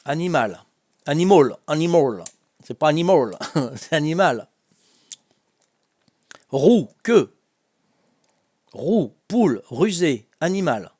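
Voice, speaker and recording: A chatty man with a Corsican French accent runs a casual family quiz, laughing often as he goes through everyone's answers. His voice sits a little high for a man. The sound is dry and close, with almost no room echo. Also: very animated, takes it slowly, pauses often, a little mellow. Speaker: quiz host.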